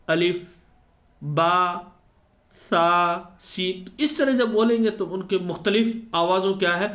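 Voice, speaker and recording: A man giving an exam-prep lecture, who explains step by step and answers his own questions. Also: sits high. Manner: slows down to spell out letter sounds. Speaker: teacher.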